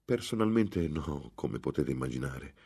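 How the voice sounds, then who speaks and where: A man voicing a young woman raised in a convent who speaks in a measured, reasonable way in an audiobook. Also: a bass voice, expressive, gravelly, mellow, husky, heavily acted. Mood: calm. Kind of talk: audiobook character voice.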